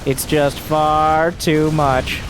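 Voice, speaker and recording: A man's voice: a little high, level tone, drawn-out words, noisy background. A man giving live play-by-play commentary on a video game match, exclaiming animatedly as play turns. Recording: music behind the voice. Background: music.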